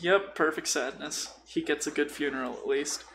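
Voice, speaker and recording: A podcast host jokes about tabletop gaming in a casual, informal way, with some mild swearing. His voice is on the high side and fairly bright with vocal fry, at a normal speed, and the recording is rough.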